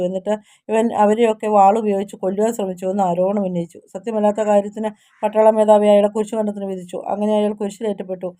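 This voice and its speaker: A woman reading a devotional story in the first person, measured and steady, with small restarts now and then. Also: medium pitch. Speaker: narrator. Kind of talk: scripted devotional story narration.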